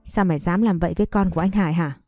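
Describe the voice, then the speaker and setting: A woman's voice: fairly low pitch, rapid-fire, dry recording, soft background music, lightly acted. Woman reading as a furious old father. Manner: shouting, scolding harshly.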